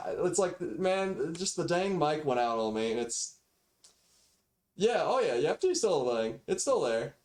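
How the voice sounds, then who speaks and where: A man chatting casually as a game livestreamer, rambling in slangy, mildly grumbling talk on a cheap default microphone. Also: medium pitch. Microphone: default backup microphone after main mic failed.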